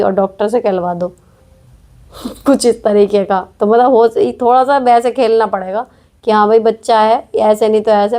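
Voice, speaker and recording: A woman's voice: mid-range voice, warm tone. Frank, conversational woman host giving practical advice to viewers. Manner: direct, frank, chatty, with frequent tag questions. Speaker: host answering viewer questions. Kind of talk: casual advice talk.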